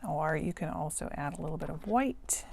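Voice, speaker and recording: A middle-aged woman, hoarse and losing her voice, chatting casually as she narrates each step of a watercolor painting tutorial in real time. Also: deep voice, expressive, brisk, a little mellow. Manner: chatty, self-narrating while painting, drops to near whisper at times. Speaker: watercolor art instructor.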